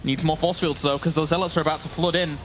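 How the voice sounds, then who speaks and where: A man giving excitable play-by-play commentary on a strategy game match, laughing often. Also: a little high, quick pace, a little hiss or hum. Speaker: esports caster.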